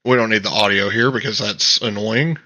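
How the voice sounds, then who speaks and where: A man's voice: on the low side, brisk, sharp tone. A man hosting a political talk show, ranting emphatically in casual commentary with frequent restarts. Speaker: podcast host.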